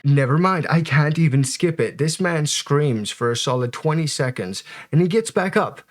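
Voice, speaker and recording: A man's voice: fairly high pitch, animated, normal speed. A man giving casual, joking and sweary commentary as he reacts to footage.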